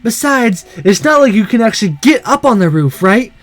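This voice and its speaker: A man's voice: high-pitched, very animated, moderate pace, voice pushed up. A man voicing a prim, chiding female student council member in a visual novel. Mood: scolding.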